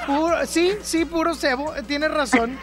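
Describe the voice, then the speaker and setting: A woman's voice: high voice, a little slow. A woman with a Mexican accent hosting a call-in radio show, playful and teasing, often laughing. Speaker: radio host. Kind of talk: casual call-in radio chat.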